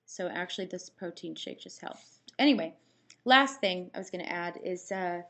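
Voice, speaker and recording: Post-surgery and dry-mouthed, this vlogger tells rambling personal stories to camera, replaying exchanges conversationally. Her slightly low, a bit bright voice is expressive and moderately paced.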